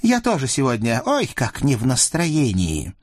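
A man's voice: medium pitch, wildly swooping pitch, normal speed, no echo, clean studio sound, voice pushed up. A man voicing a hot-tempered young Cossack girl who threatens sternly. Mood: fierce.

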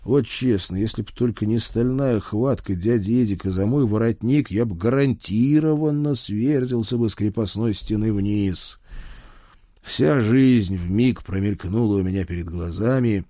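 A man narrates a comic audiobook in first person. His voice is low and mellow, with a wry, lively delivery. The recording is dry and close. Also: measured pace, no room sound.

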